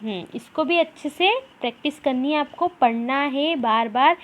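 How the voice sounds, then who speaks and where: A woman teaching a children's reading lesson, stretching out syllables and repeating each word for the child to copy. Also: sits high. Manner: drawn-out syllables, repeating words aloud for children.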